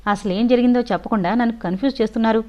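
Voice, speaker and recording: A woman's voice: on the high side, fairly quick, natural voice. A stern, harsh master of the house , read by a woman. He speaks curtly and sharply, on a dull, lo-fi recording. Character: stern suspicious male householder.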